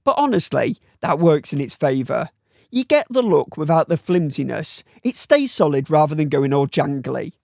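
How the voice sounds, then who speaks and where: Northern English male reviewer, voice-over read with a touch of fry, deadpan wry delivery, dead-dry booth sound. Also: a little high, normal speed, no room sound. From Northern England. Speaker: watch reviewer.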